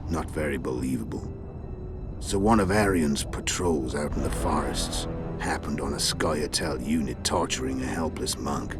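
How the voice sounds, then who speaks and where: An actor playing a world-weary, cunning male assassin in a game cutscene, gravelly and measured, recounting things with dry irony. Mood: calm, wry. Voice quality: very deep, gravelly. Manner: measured, matter-of-fact storytelling with dry irony. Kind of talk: video game cutscene acting. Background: background music.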